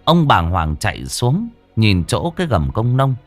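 A man's voice: lowish voice, a little slow. A man narrating a ghost story dramatically. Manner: dramatic, expressive. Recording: dry studio voice with faint music.

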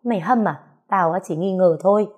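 A woman's voice: lowish voice, brisk, a little mellow, breathy edge. Woman voicing a brash, foul-mouthed older woman. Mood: scolding. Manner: blunt, scolding, swearing.

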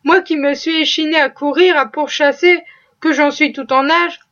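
Sly boastful stable hand done by a woman, loud exclaiming voice, high, dull lo-fi recording. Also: a little slow. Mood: mock-innocent. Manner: exclaiming, mock-innocent, excitable.

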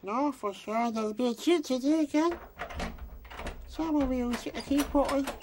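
A woman's voice: high-pitched, a little mellow, a little hiss or hum, lightly acted. A woman voicing a rambling, beer-loving man muttering to himself in a cellar, recorded from a distance with music behind.

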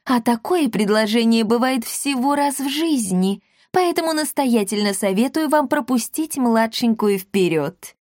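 A woman reading aloud, voicing a pushy, bustling female matchmaker with a brisk, persuasive manner. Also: fairly high pitch, expressive, darkish tone, dry recording, clean studio sound, voice pushed up.

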